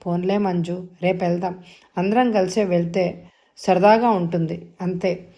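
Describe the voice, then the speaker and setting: A jealous, bitter middle-aged man who pleads and then flares up, as a woman narrator reads him. The voice is mellow and dark in tone. It is a dialogue scene from an audio novel. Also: lowish voice, steady tone, measured pace. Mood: mild. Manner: bitter and heated.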